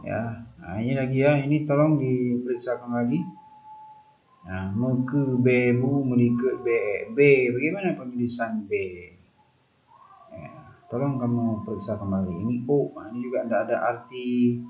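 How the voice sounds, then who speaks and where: A patient man walks a student through corrections to a draft, sounding out letters and marks again and again. His voice sits in a middle pitch. The recording is dull and lo-fi. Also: a little slow. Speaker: thesis supervisor. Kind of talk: reviewing a student's draft aloud.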